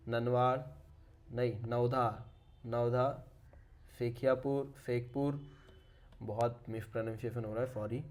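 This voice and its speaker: A man casually talking viewers through a map, often saying "okay" and correcting his own pronunciation as he goes. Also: mid-range voice. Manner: addresses viewers as "brother". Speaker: educational video creator.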